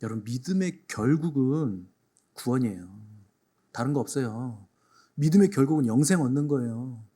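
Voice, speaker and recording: A man's voice: medium pitch, lively intonation, normal speed, warm tone, husky. A man preaching a Sunday sermon to his congregation in a church. He repeats key phrases for emphasis and tells jokes. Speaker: pastor.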